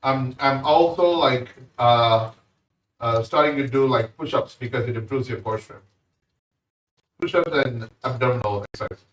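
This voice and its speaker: Cooking during a live stream, an Indian-accented man talks casually with his audience as he works. He speaks at medium pitch and a normal pace, and the roomy audio suggests a distant microphone.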